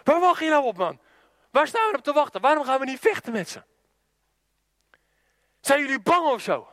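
A man's voice: sits high, moderate pace, no echo, studio quality, close to an everyday voice. A man doing an indignant small young guy. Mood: impatient. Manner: indignant, exasperated.

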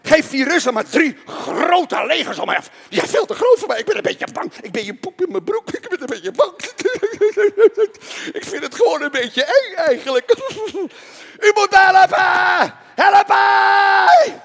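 A man's voice: very high-pitched, sing-song, unhurried, vocal fry, fairly bright tone, breathy edge, pitched above the performer's own voice, exaggerated voice. A man putting on a panicky frightened king. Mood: pleading. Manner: whiny, panicky pleading with cries for help. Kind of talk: acted Bible story for children.

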